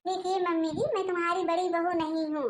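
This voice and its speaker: A woman's voice: very high voice, little pitch movement, fairly quick, background noise. A woman voicing a rude, impatient young daughter-in-law in a cartoon, scolding and sarcastic. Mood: snappy. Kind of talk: cartoon voice acting.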